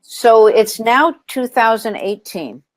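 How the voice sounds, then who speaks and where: A woman's voice: a little high, expressive, takes it slowly. A woman who founded a nonprofit, talking in an interview, telling stories earnestly with frequent ums and restarts. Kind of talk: interview conversation.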